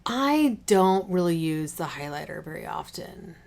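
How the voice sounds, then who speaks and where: A beauty vlogger chats casually to the camera in a fairly low, gravelly, darkish voice, very animated but unhurried. She's informal and prone to wandering off on tangents, and sounds slightly congested, with a cough drop tucked in her cheek.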